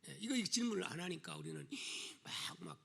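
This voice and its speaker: High-voiced, gravelly pastor preaching. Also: male voice, animated, fast talker. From South Korea (Jeolla). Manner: swings from loud exhortation to hushed asides; asks the congregation rhetorical questions. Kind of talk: sermon.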